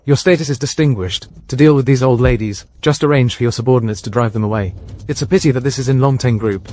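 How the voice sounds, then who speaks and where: A man's voice: medium pitch, fast, darkish tone, natural voice. A man voicing a fawning, sleazy businessman. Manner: fawning, leering. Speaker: dub actor. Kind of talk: English dub of a drama.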